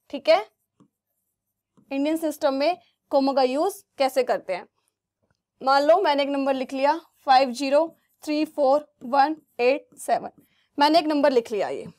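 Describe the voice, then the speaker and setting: A young woman teaching a math lesson to children, coaxing the class with constant check questions. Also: sits high. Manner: asks many check questions, coaxing and repetitive.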